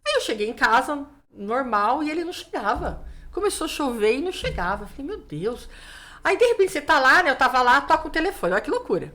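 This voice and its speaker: This woman pastor has a high voice and speaks fast, recounting her testimony as a guest in a casual interview. She brings the story to life by acting out the dialogue, sprinkling in many "né"s.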